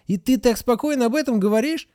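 A man's voice: extremely high pitch, quick pace, a little mellow, dry recording, studio quality, voice pushed up. A man voicing a stern, fussy middle-aged female nurse who scolds indignantly. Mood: scolding, indignant.

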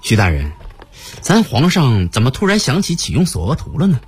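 An actor playing a servile but vengeful court official in a radio drama, fawning and plotting. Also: male voice, medium pitch, huge pitch swings, normal speed, breathy edge, heavily acted. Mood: probing. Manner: fawning to superiors, bitter and plotting.

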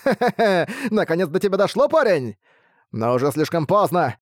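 Male reader voices a cowardly little bat servant for an audiobook, shrill, boastful, lively and high. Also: normal speed, no room sound, studio quality. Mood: shrill boasting. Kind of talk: audiobook reading.

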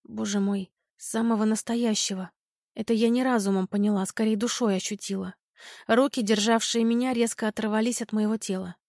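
A woman narrates a first-person audiobook in a tense, dramatic reading. Her voice sits somewhat high. The sound is close and dry, with no room echo. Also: steady tone, fairly quick, darkish tone.

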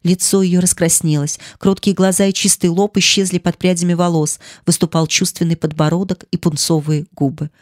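Audiobook narrator, measured expressive reading, literary prose, dry studio sound. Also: mid-range voice, dry recording.

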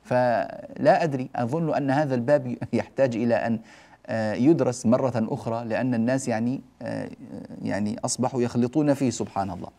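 A man teaching Quran recitation rules, stretching example words slowly and addressing his listeners directly. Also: mid-range voice, fairly even intonation, dark tone. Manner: addresses listeners directly, mildly scolding asides. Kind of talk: religious lesson explaining tajweed rules.

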